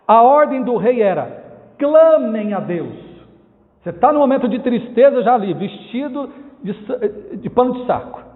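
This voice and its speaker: A man preaching an expository sermon as pastor, emphatic, asking rhetorical questions and repeating key phrases. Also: high voice. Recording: tinny phone-like sound with long hall reverb.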